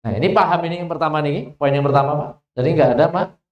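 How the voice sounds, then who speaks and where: Javanese-accented recitation teacher, measured mid-pitched delivery, reverberant hall-like space. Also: dull audio. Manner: asks the listeners questions and answers them, stretches out example verses. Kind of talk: Quran recitation lesson. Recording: echoey room.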